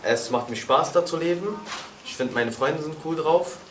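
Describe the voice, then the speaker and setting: A man's voice: on the high side, measured pace. Plain-spoken twenty-year-old man. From Berlin, Germany. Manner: short, plain answers with "äh". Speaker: local youth council member. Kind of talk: casual interview answers. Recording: roomy, distant mic, loud noise.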